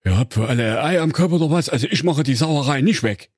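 A man voicing a grumpy royal manservant, grumbling quickly. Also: a little high, animated, darkish tone, breathy edge, no room sound, clean studio sound, voice pushed up.

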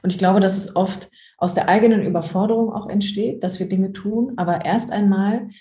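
Reflective woman with a mellow voice. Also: medium pitch, fairly even intonation, moderate pace, roomy sound. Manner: reflective, uses everyday examples and rhetorical questions. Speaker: interview guest, emotions coach. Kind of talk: podcast interview, explaining.

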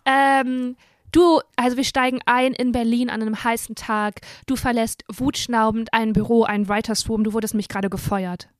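A woman with a fairly high voice co-hosts a casual podcast. She spins an improvised tale playfully, often breaking into laughter. The sound is close and dry. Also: fairly even intonation, normal speed, no room sound. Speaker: podcast co-host. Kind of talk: casual chat, improvised storytelling.

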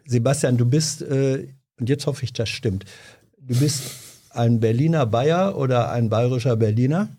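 A man's voice: medium pitch, normal speed, warm tone, slightly rough. A man hosting a podcast interview, asking questions in a joking, self-correcting way. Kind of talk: casual interview chat.

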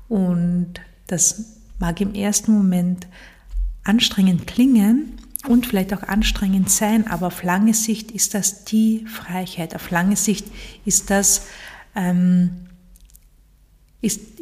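A woman giving a motivational monologue on personal change, talking straight to the listener in a reflective way with frequent pauses. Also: on the low side, mellow.

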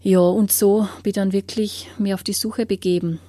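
A woman tells her story in an interview, earnest and searching. Her voice is mellow and warm, and she often lets it sink to a hushed whisper. The sound is close and dry, with no room echo. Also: mid-range voice, level tone, normal speed. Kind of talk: personal faith testimony.

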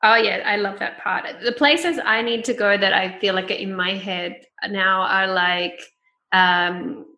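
A woman's voice: mid-range voice, sharp tone. A young woman hosting a podcast in casual chat, chatty and laughing often as she mimics phrases. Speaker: podcast host.

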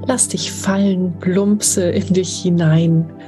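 A woman guiding a meditation in the gentle, unhurried manner of a sleep story narrator, with spacious phrasing. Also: on the low side, steady tone. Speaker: meditation guide and podcast host. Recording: loud new-age music behind the voice. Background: new-age music.

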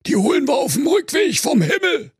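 A man voicing a dim, loud teenage male bear in Berlin dialect, squeaky and shouting. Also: sing-song, brisk, no room sound, clean studio sound. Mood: excited.

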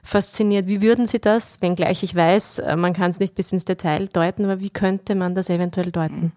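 A woman's voice: on the low side, fairly even intonation, moderate pace, a little mellow, no room sound, clean studio sound. A woman hosting a podcast interview, asking thoughtful questions and rephrasing them as she goes.

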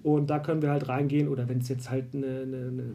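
A man's voice: medium pitch, little pitch movement, brisk, dark tone, slight background noise. A man from Berlin, a basketball referee, explaining rules at length in a casual conversation, with many fillers and restarts.

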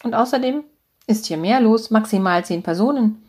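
A woman reading the lines of a cheerful, bossy middle-aged mother who scolds her grown daughter, in a slightly husky voice. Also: a little high, normal speed, a little mellow, voice pushed up.

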